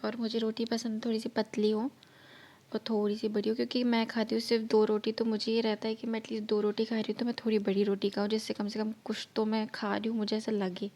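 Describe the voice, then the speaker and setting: An Indian woman vlogger narrates her cooking video, chatting her way through each step. Her voice is on the high side, monotone and warm, moving at a fairly quick clip, and her throat sounds slightly sore.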